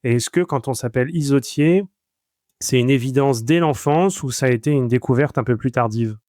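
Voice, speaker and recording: Podcast host asking long questions. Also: male voice, mid-range voice, moderate pace, darkish tone, no room sound. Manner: asks long, detailed questions. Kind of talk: podcast interview.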